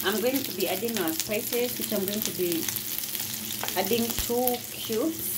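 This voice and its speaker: A woman's voice: a little high, a little slow, very noisy. A woman vlogging from her home kitchen, chatting to her viewers as she cooks. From Kenya. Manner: chatty, talks to viewers while cooking. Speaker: cooking vlogger. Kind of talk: casual cooking narration.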